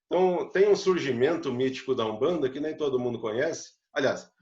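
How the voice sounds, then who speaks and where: A male psychologist with a mid-range, slightly mellow voice gives a lecture-style live talk to an online audience at a fairly quick pace, posing rhetorical questions. The sound is reverberant with the highs cut off.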